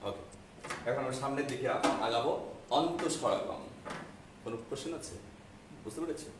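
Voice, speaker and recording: A middle-aged man teaching an online grammar class, patient and repetitive, often checking that his students have understood. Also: mid-range voice. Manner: patient, repeats points slowly, asks students if they understood. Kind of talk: online exam-prep grammar lesson. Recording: echoey far-off mic with faint noise.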